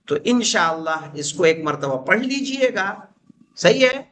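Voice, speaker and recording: A man whose first language is Urdu, teaching an Arabic grammar class, reading Arabic phrases slowly and translating them, with frequent check questions to students. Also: high-pitched, animated, a bit bright, slight background noise, low-quality recording. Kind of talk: classroom lesson.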